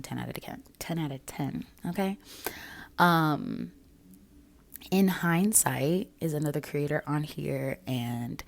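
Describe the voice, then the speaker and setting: A young woman talks casually to her vlog viewers in a low voice with a gravelly fry. Her speech is slow and halting, full of little fillers and pauses, and her voice sounds slightly shaky with nerves. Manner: soft, halting, with many fillers. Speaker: YouTube creator. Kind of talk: casual talking-head vlog.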